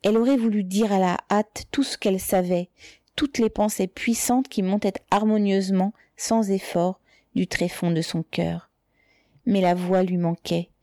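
An audiobook narrator with a mid-range voice reads a literary novel aloud in a steady, measured, scripted way. The recording is studio quality with no room sound.

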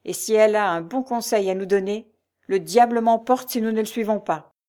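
A woman's voice: mid-range voice, dark tone, lightly acted. Woman reader as old colonel, blunt, hot-tempered, storybook. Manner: brisk, emphatic exclamations.

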